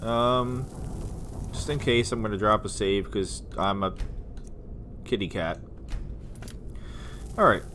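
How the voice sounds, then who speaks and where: Man, lowish pitch, casual let's-play, wry, offhand, slight background noise. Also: slow, pauses often, fairly bright tone. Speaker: video game player commentator.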